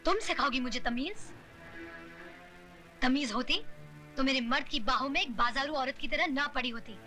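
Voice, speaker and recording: A woman's voice: high-pitched, normal speed, natural voice. An actress playing a fierce young wife who confronts her husband's mistress and stands her ground, in a film scene. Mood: combative. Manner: sharp, cutting, combative. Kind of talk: Hindi film drama. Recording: film soundtrack with music.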